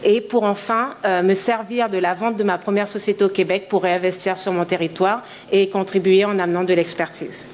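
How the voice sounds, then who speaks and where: A woman's voice: medium pitch, fairly even intonation, brisk, few pauses, darkish tone, a little hiss or hum. A woman in her thirties from French Guiana, an entrepreneur giving a conference talk, speaking earnestly and with enthusiasm, with frequent hesitations. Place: conference hall.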